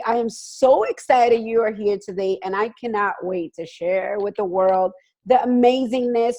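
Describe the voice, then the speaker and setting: A woman's voice: medium pitch, a little mellow. A woman hosting an interview over a video call, chatty and enthusiastic. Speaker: host. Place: home, joining by video call.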